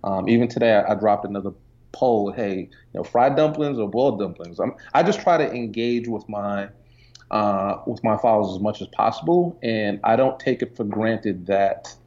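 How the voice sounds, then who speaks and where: A man's voice: fairly low pitch, moderate pace. A man from Jamaica, a guest entrepreneur and photographer, talking casually in an interview with many fillers. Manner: relaxed, conversational, many fillers. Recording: dull lo-fi sound.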